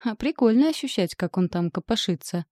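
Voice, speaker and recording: A rattled, foul-mouthed husband squeals and grumbles in an audiobook, as a woman reader puts him on. He sounds shrill and panicky, a little higher than the reader's own voice. The voice sits close and dry. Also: lively intonation, a little fast, a little mellow, dry recording, natural voice. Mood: anxious. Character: panicky foul-mouthed husband, a man in his wife's pregnant body.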